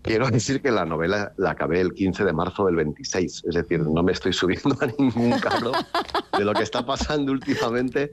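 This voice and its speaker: A man's voice: on the low side, animated, fairly quick. A middle-aged man from the Country, an author chatting in an interview. He rambles with many restarts and a wry, ironic streak. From Basque Country, Spain. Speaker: novelist being interviewed. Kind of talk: casual interview talk.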